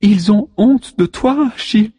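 A man voicing a grieving sea goddess mother who speaks softly, consoling and lamenting her son. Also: high voice, lively intonation, a little slow, slightly rough, dry recording, big-room sound, voice pushed up, exaggerated voice. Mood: grave.

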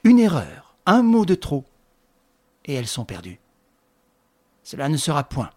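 Rénine, a man reading a firm commanding gentleman. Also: a little high, wildly swooping pitch, measured pace, exaggerated voice. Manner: firm, authoritative. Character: commanding composed gentleman investigator. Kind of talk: audiobook reading.

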